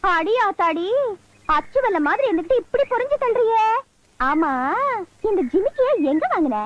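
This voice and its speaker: A woman's voice: extremely high pitch, very animated, moderate pace, lo-fi sound, very noisy. An actress playing a chatty, nosy village woman who teases a girl and fusses over her family's customs, in a film comedy scene. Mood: teasing. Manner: chatty, mocking banter. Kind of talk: Tamil film comedy acting. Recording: film scene with score behind.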